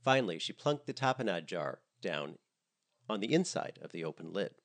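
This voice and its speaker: Wry, expressive man narrating a story. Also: deep voice, normal speed.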